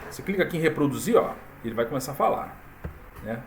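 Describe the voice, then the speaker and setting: A man walking viewers through a software tutorial in a casual, chatty way, full of fillers and tag questions. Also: mid-range voice, animated, quick pace, a little hiss or hum. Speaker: tutorial presenter. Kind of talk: casual screen-recorded tutorial.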